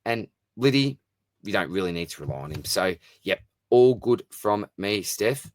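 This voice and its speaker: A man's voice: lowish voice, expressive, moderate pace, dry recording. A man hosting a casual solo fantasy sport Q&A, talking in a chatty, matey, informal way with plenty of slang. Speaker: host of a fantasy sport Q&A show. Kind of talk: casual solo mailbag commentary, reading out questions and answering.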